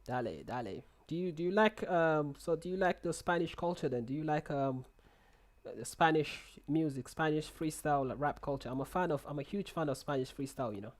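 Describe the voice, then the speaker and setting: A young man with a fairly high, expressive voice speaks a little fast while hosting a live trading stream. Using a headset in a small room, he chats casually, reading out and replying to viewer comments with lots of restarts and repeated words.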